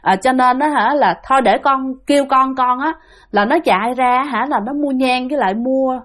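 A woman's voice: high voice, normal speed, fairly bright tone. A woman voicing a frightened father humbly begging a spirit. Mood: pleading. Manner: humble, pleading.

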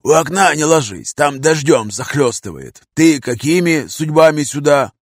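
A man doing a hoarse, gruff street vagrant. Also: a little high, lively intonation, no room sound, studio quality, pitched above the performer's own voice. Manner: slangy, coarse, drawn-out talk. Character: gruff streetwise male vagrant, talkative and bossy.

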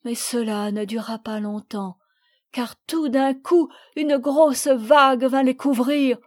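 A woman reading the part of a little girl who sadly recounts a shipwreck, in a gentle, measured voice. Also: high-pitched, fairly even intonation. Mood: sad, earnest. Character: little girl recalling a shipwreck, sad and earnest. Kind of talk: audiobook reading.

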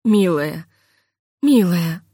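A woman's voice: on the low side, expressive, very slow, warm tone, slightly rough, dry recording, clean studio sound, exaggerated voice. A woman voicing a weary, self-reproaching middle-aged male composer in a storybook reading. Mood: pleading.

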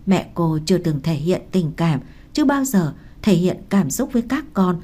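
A woman narrating a novel in a calm, measured storytelling manner. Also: fairly low pitch. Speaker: audiobook narrator.

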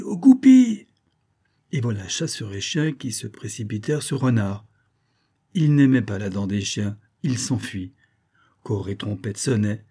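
A man narrating a storybook reading in a measured storytelling manner. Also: on the low side, warm tone, slightly rough.

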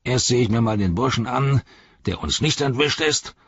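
A gruff, bossy orc captain, as a man puts him on, barking commands in a raised, husky voice. The reading sounds dull and lo-fi, close and dry. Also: medium pitch, expressive, normal speed, a bit bright, no echo, pitched above the performer's own voice.

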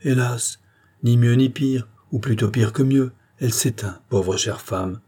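A man's voice: mid-range voice, a little slow, mellow, slightly rough. A man voicing a kindly, fussing old male farm gamekeeper, talking in an eager, emphatic way.

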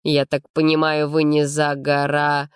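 Cocky rich young guy, slow and drawling , read by a woman, lower than her narration. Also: monotone, clean tone, dry recording, clean studio sound. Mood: teasing.

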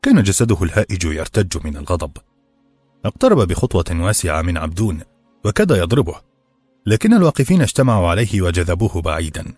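A man narrating a novel in a steady, measured storytelling voice. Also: deep voice, breathy edge, no echo, soft background music. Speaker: audiobook narrator.

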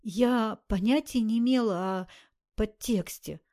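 A woman voicing an earnest, serious young woman who speaks softly. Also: fairly high pitch, unhurried, voice pushed up, close to an everyday voice.

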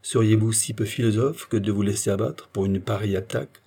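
Calm sniffy doctor, guy reading him, warm low-key tone. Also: a little fast, breathy edge. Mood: cool. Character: calm, disdainful male doctor.

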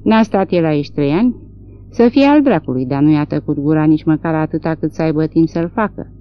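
A woman's voice: low voice, clear, resonant tone, no room sound, lightly acted. A woman reading the part of a blunt, scoffing rural man in an audiobook, from a dull lo-fi recording. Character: gossiping rural old man, Ratcliffe, blunt.

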